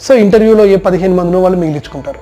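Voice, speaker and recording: A man working as a soft skills trainer, giving a direct instructional talk about job placement rounds. He speaks straight to the listener and runs through long lists of points. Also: sits high, racing, soft background music.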